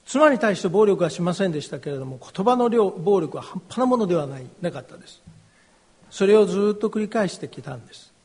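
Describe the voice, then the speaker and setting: A middle-aged pastor with a high, husky voice delivers a slow, earnest, confessional testimony. His words ring out with a long hall reverb behind them. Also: animated, darkish tone. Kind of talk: personal testimony sermon.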